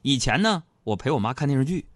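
A man telling comic stories in a lively stand-up monologue, acting out other people's voices. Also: mid-range voice, fast talker, dry recording. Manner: animated storytelling, acts out other voices. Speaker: comedy radio host.

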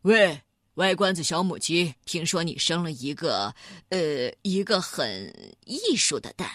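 A woman voicing a tall male rooster who drawls slowly and sarcastically. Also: deep voice, very animated, a bit bright, no room sound, studio quality, pitched below the performer's own voice, heavily acted. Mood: mocking.

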